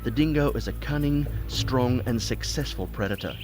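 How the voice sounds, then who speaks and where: A man reading scripted documentary narration in a lively, dramatic way. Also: medium pitch, moderate pace. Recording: narration over clear music.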